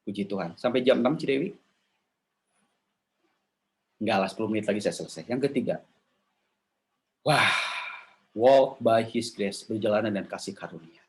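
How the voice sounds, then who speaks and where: A man giving a lively, casual sermon to a women's church gathering, asking the audience questions and slipping into quoted voices. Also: lowish voice, moderate pace, long pauses. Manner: animated, jumps into playful quoted voices and asks the audience questions; casual slangy talk mixed with formal preaching.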